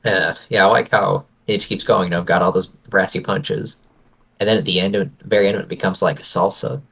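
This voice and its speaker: A man's voice: low voice, fairly even intonation, fairly quick, creaky, fairly bright tone, husky. A man co-hosting a podcast in casual chat, playful and teasing. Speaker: podcast co-host.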